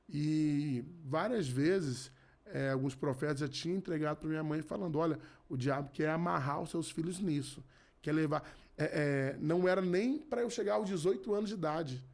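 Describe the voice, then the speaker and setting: A man in his thirties speaks as a podcast guest, sharing a personal faith testimony. His voice sits a little high, and his talk is earnest, with frequent restarts and repeated phrases. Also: animated, moderate pace, a little mellow. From Rio de Janeiro. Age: 30s. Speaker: podcast guest, gospel musician. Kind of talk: casual testimony.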